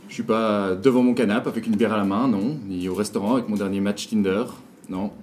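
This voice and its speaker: A man performs a first-person story in a theatrical, dramatic way with deliberate repetition. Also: fairly low pitch, fairly even intonation, darkish tone, a little hiss or hum. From Belgium. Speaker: storyteller performing an autobiographical monologue.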